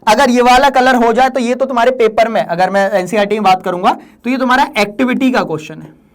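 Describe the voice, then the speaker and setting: A man's voice: extremely high pitch, fast. A male teacher giving an exam-prep lesson in a joking, teasing way. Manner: joking, playful, teasing students. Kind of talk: exam-prep lesson in Hindi-English mix.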